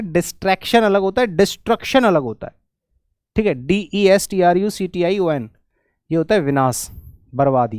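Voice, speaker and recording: A man teaching an exam spelling lesson, spelling out words letter by letter and repeating them slowly. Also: high voice, a little mellow, clear, resonant tone, no echo, studio quality. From India. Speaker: English teacher.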